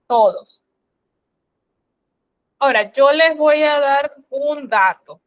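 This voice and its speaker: A woman's voice: high voice, no echo, muffled recording. A woman teaching a French class online, explaining step by step in a patient, instructive way. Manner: slow, patient, instructive, addresses students formally.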